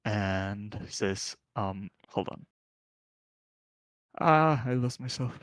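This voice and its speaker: A man runs a tabletop game as its game master, narrating casually at an unhurried, slow pace. His voice sits a little low, and the sound is dry. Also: animated, no room sound.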